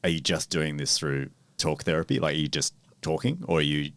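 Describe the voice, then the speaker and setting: A man co-hosting a podcast in casual chat, listening attentively and asking halting questions. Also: rumbling low, steady tone, fairly bright tone, clear, resonant tone, no echo. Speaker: podcast co-host.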